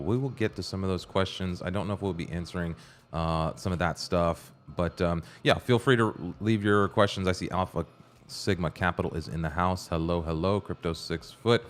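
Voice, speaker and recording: Deep-voiced upbeat male podcast host. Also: steady tone, normal speed. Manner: upbeat, loose, greets chat viewers. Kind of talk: casual livestream podcast hosting.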